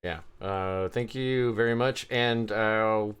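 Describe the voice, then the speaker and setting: A man's voice: on the low side, steady tone, takes it slowly, fairly bright tone, clean tone. A man hosting a casual interview over a video call, chatty and rambling, laughing often. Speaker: podcast host.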